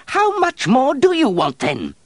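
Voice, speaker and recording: A man's voice: mid-range voice, sing-song, moderate pace, dry recording, pitched above the performer's own voice. A man voicing an easygoing, fussy middle-aged monk who complains in a peevish, rising voice. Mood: exasperated. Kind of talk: audiobook character voice.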